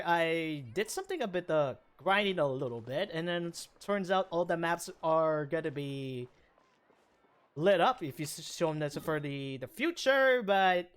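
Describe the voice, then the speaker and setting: A man giving casual gaming commentary in a rough morning voice. He talks slowly and haltingly, rambling with many restarts. His pitch leaps widely, and his excited shouts rise well above his usual level. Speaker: gaming streamer. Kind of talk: casual gacha-roll commentary.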